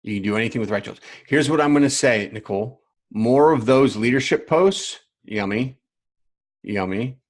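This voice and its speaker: A man coaching other coaches in a live online lesson, speaking at a plain middle pitch. He leans on emphatic repetition and keeps checking that his viewers follow along. He sounds like he is talking into a computer mic at home. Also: normal speed. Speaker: business coach.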